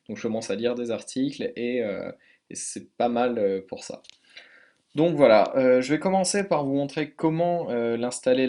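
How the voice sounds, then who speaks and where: A man speaking at a middle pitch, walking through a software tutorial in a relaxed way. He fills his sentences with hesitations and corrects himself as he goes, sounding unscripted. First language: French. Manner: hesitant, many fillers and self-corrections. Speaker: language tutor. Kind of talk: casual screen-recorded tutorial.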